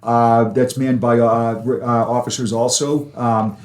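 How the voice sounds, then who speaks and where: A man's voice: mid-range voice, steady tone, measured pace, darkish tone, reverberant. A man with a Boston accent speaking as a guest in a casual interview, emphatic and often repeating words for stress. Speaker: guest speaker on officer suicide.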